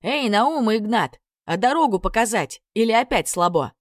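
A brash young hero with a high, lively voice, mocking his enemies and bragging loudly, as a woman reads him. The delivery is dry and close, with his lines pushed up above the narration. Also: moderate pace, no echo, close to an everyday voice. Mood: cocky. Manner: teasing, boastful.

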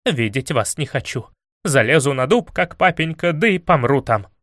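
A man's voice: medium pitch, animated, normal speed, a bit bright, no echo, studio quality, close to an everyday voice. A man voicing a proud, defiant fairy-tale maiden. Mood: indignant. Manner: proud, declamatory. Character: proud, fierce young maiden, tearful and defiant.

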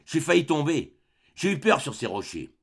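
A man reading a novel aloud, voicing a gentle middle-aged mother who speaks softly, trembling and hesitant. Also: fairly high pitch, very animated, normal speed, creaky, husky, heavily acted. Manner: trembling, hesitant, soft-spoken. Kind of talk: audiobook character reading.

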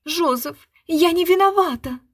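A woman voicing a sleepy, vain actress who delivers her lines in the shrill whine of an offended schoolgirl. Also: measured pace. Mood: whiny. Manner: shrill, whining.

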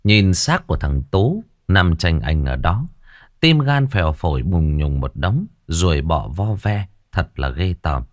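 A man narrating a ghost story in an expressive, dramatic storytelling manner. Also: deep voice, a little slow, no room sound, studio quality.

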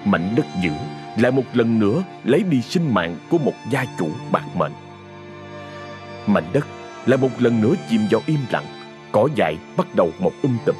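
Male horror narrator, lowish husky voice, lively delivery, long reverb over faint music. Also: moderate pace. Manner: dramatic, expressive.

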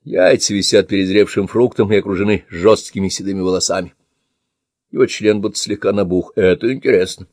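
A man reading an audiobook in measured, quiet second-person narration. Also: on the low side, dry recording, studio quality.

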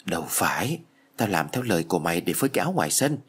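A man voicing a nervous teenage boy who stammers and speaks in a hushed way. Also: low-pitched, sing-song, very fast, breathy edge, pitched below the performer's own voice, exaggerated voice.

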